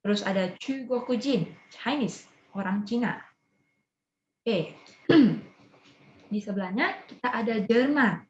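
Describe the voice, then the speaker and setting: A woman with an Indonesian accent and a hoarse voice, teaching a casual online vocabulary lesson, chatty and repeating words slowly. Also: fairly high pitch, expressive, darkish tone. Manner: chatty, mixes in English words, drawn-out repetitions. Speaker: Japanese language teacher. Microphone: video call recording. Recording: echoey, muffled video call audio.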